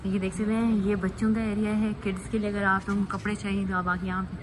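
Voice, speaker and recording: A woman's voice: medium pitch, level tone, fast. A young woman talking casually into a phone held at arm's length as she walks through city streets and then a shopping mall. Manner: chatty, walking and talking to a handheld camera. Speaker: vlogger. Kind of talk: casual vlog narration. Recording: loud city street noise.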